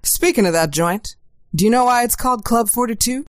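A woman's voice: a little high, a little fast, dry recording, studio quality, pitched below the performer's own voice, lightly acted. A woman voicing a sassy, catty 1940s private eye's secretary in a slangy detective radio parody. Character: sassy 1940s gumshoe's female sidekick, catty.

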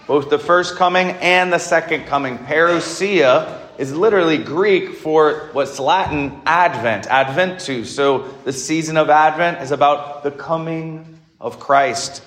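A man's voice: fairly high pitch, a bit bright, roomy sound, a little hiss or hum. A man preaching a homily as a priest, explaining in a conversational way with rhetorical questions and short emphatic phrases.

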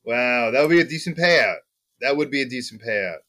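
A man's voice: medium pitch, animated, fairly quick, pushed and bright. A man co-hosting a podcast, chatting casually about racing bets, rambling and joking with lots of ums. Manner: rambling, jokey, many ums. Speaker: podcast co-host.

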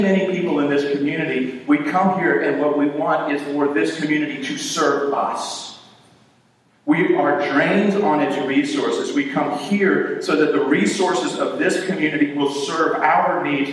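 A man's voice: a little high, steady tone, normal speed, distant mic. A male pastor preaching in an echoey hall. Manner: conversational preaching with rhetorical questions to the congregation. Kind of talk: sermon. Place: large church sanctuary.

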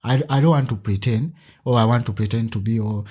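Husky ugandan guy, teacher, talks animated, tells stories and acts stuff out. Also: fairly quick. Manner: animated storyteller, acts out a child's voice with a higher pitch. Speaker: teacher and podcast guest. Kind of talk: conversational interview.

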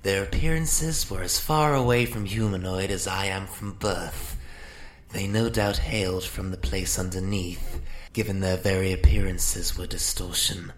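Man playing a slow, deep, sardonic psychic showman. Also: steady tone. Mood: wry, boastful. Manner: wry, theatrical, mock-polite. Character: sardonic, theatrical psychic magic-user man narrating his exploits. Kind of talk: scripted audio drama narration. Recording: roomy echo, faint noise.

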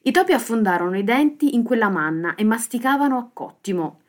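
A woman hosting a children's podcast, reading a fable aloud with lively, expressive delivery. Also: a little high, brisk. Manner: lively expressive reading with sound-effect words. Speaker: storyteller host.

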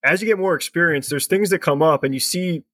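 A man's voice: on the high side, fairly bright tone. A man hosting a sales podcast, asking questions and talking straight to the listeners. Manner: fast, chatty, addresses the listeners directly. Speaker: podcast host. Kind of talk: casual podcast interview.

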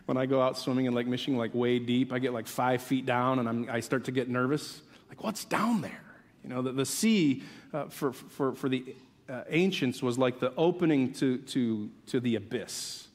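A man preaching a sermon, telling the story dramatically, dropping to hushed whispers and rising to urgent calls. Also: medium pitch. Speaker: pastor. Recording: long hall reverb.

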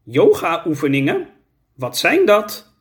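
A man's voice: fairly high pitch, wildly swooping pitch, slow, pitched above the performer's own voice, exaggerated voice. A man voicing a friendly, naive, hospitable character in a children's story. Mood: curious.

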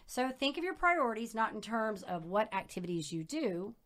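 A woman's voice: a little high, very animated, moderate pace, a bit bright. A woman hosting a podcast interview, bubbly and enthusiastic, laughing often. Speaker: podcast host. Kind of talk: casual interview chat.

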